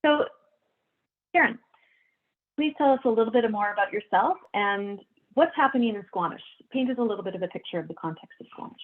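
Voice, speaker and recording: A woman moderating a panel discussion in a brisk, upbeat way, introducing guests. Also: a little high, narrow, tinny audio. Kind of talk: hosting a panel.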